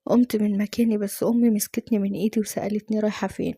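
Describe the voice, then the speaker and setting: Egyptian woman reading a dramatic true story, rapid and emotional, mellow tone, dry close mic. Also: mid-range voice, level tone, breathy edge, no echo. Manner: emotional, fast-flowing. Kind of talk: first-person dramatic story narration.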